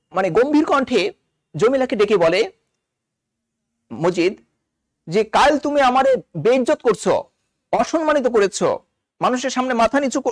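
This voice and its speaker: A man's voice: very high-pitched, no room sound, clean studio sound. A man from Bangladesh, a college literature lecturer, explaining a novel line by line and quoting its characters in dialect.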